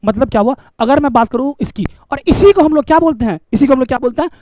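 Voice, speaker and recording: A man's voice: very high-pitched, quick pace, darkish tone, no room sound, studio quality. A male biology teacher, lecturing a class and coaxing answers by asking questions and repeating key terms.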